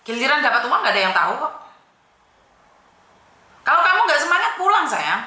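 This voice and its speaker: A woman's voice: sits high, sing-song, a little fast, bright, forceful tone, reverberant. A woman hosting a call-in advice show, lecturing the caller bluntly and firmly. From Indonesia. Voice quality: scolding, firm, mixes in Javanese words. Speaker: advice host.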